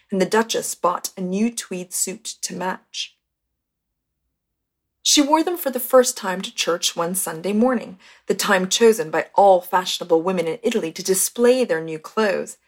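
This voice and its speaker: A woman narrating a first-person memoir as an audiobook in a measured, steady storytelling manner. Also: mid-range voice. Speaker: audiobook reader.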